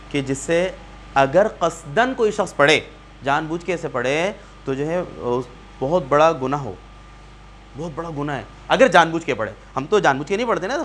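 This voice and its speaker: A man's voice: a little high, fairly bright tone, a little hiss or hum. A man teaching a community Quran class, patiently quizzing students and repeating key points. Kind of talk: classroom lesson.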